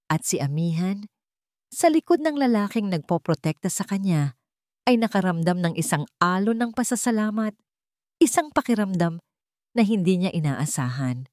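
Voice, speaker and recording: A woman narrates a scripted, dramatic story in an expressive, mid-range voice that's a little mellow, at normal speed. The studio-quality recording has no room sound.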